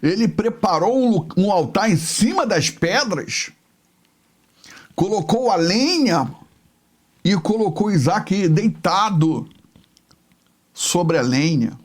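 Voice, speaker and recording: A man's voice: sits high, lively intonation. A man, a bishop, preaching a sermon as a dramatic, emotional retelling of a story. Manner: emotional, slow, dwelling on each phrase.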